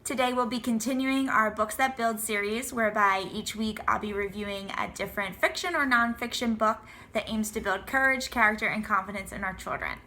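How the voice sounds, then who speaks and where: A woman's voice: medium pitch, a little fast, hardly any pauses, bright, forceful tone, slight background noise. A woman in her thirties giving an earnest, prepared children's book review to camera, explaining steadily with the odd um. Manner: earnest, explanatory, occasional ums.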